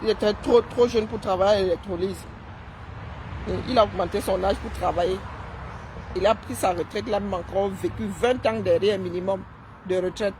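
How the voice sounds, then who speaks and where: A woman talks on a live stream from her seat, mid-pitched and scornful. She mocks her targets and keeps tossing in "hein?". A faint hum of passing traffic sits behind her. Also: steady tone, moderate pace, mellow. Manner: sarcastic, mocking, keeps asking "hein?". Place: seated indoors.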